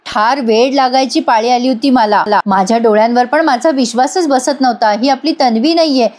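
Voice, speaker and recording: A woman's voice: high-pitched, normal speed, natural voice. A woman voicing a stern, angry man who speaks firmly and with authority. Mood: somber. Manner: stern, shouting.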